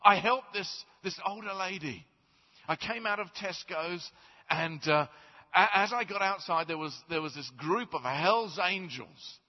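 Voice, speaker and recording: A man's voice: high voice, animated, unhurried, pitched above the performer's own voice. A preacher voicing a nervous, babbling ordinary man pleading his case at heaven's gate, in a roomy church. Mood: excited, indignant. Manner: flustered, babbling, eager to please. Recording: roomy church reverb, slightly dull.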